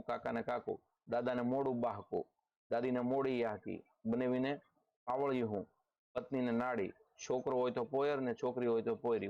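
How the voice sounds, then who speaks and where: A man's voice: medium pitch, a little mellow, no room sound, muffled recording. A man from Gujarat teaching a lesson on regional dialects, explaining them and reading out example phrases with added emphasis. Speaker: exam coaching teacher.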